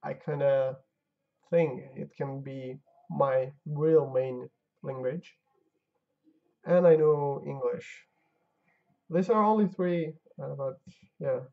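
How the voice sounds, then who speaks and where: Coding live, this weary Albanian developer mumbles to himself as he tests and then turns to talk with chat. The voice is gravelly, unhurried and medium in pitch, carried over dull, lo-fi stream audio.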